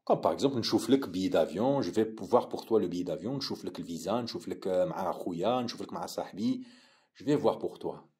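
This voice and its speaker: A man with an Algerian accent teaching a language lesson, saying each phrase, repeating it slowly and explaining it. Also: low voice, expressive, dark tone.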